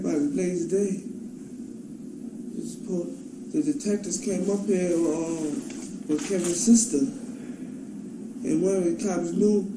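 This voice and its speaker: A young man speaks in a high voice, giving jittery, evasive denials to questioning. His words stumble and repeat. The recording is distant, echoey and heavy with noise. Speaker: suspect being interrogated. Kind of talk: answering questions in a police interrogation. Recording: echoey, noisy archival interrogation recording from afar.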